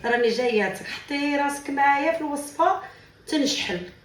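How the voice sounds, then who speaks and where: This vlogger's voice is high, with lively intonation and a fairly quick pace. Cooking in her kitchen at home, she chats fondly to her viewers, calling them sisters during the recipe demo, recorded from afar in an echoey space.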